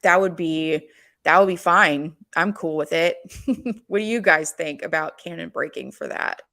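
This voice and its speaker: A woman's voice: on the low side, unhurried, sharp tone. A woman co-hosting a casual podcast discussion, thinking aloud with many fillers and laughing often. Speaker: podcast co-host. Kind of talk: casual chat.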